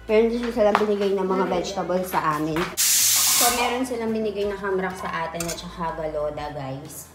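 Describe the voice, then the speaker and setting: A young woman vlogging casually about cooking and her baby son, who switches into a high sing-song baby-talk voice to coax him. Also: fairly quick, loud music behind the voice. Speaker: vlogger and mother. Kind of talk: casual family vlog chat.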